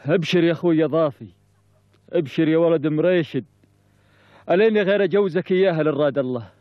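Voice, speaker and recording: Male actor as passionate Bedouin brother, high voice, Bedouin Arabic, declamatory TV-drama delivery, muffled phone-like sound. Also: fast, dry recording, lightly acted. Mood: earnest devotion. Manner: emotional, declamatory, repeating phrases. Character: passionate Bedouin man devoted to his newfound brother. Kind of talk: Bedouin television drama acting. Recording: muffled, phone-like, faint music.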